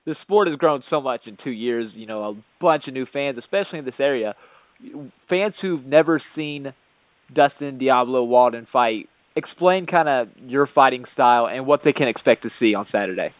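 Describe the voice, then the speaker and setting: A thin, phone-like line carries a man asking casual interview questions about sport. His pitch is mid-range, and there is no room echo around him. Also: animated, moderate pace.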